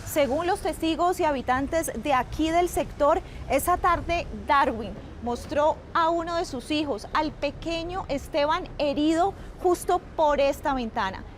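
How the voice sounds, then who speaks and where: A woman with a Colombian accent reporting from a street, clear and explanatory. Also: high-pitched, unhurried, hardly any pauses, slight background noise. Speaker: field reporter. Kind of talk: on-location reporting. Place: street outdoors.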